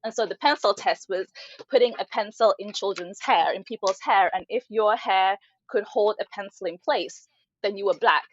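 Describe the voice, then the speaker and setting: A woman's voice: mid-range voice, slight background noise. Earnest Nigerian-born woman, muffled audio. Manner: earnest, explanatory, measured. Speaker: podcast guest. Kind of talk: conversational podcast interview.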